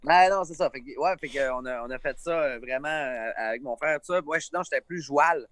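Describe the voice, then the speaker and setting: A man with a Lac-Saint-Jean Quebec French accent, a singer chatting outdoors as a guest in a relaxed, rambling way over a remote call. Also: on the high side, fairly quick, no room sound. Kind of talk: casual chat.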